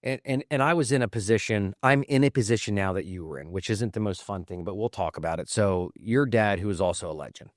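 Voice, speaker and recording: A man in his forties with a Central Pennsylvania accent, an earnest podcast host talking openly in quick bursts. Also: fairly low pitch, dry recording, clean studio sound. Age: 40s. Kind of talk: conversational interview.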